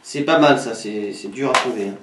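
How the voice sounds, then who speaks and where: A man's voice: mid-range voice, fairly quick. A man with a southern French accent, chatting casually and counting aloud as he shows a pile of games. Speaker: flea market video host. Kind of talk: casual live unboxing chat. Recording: echoey room, far from mic, noisy.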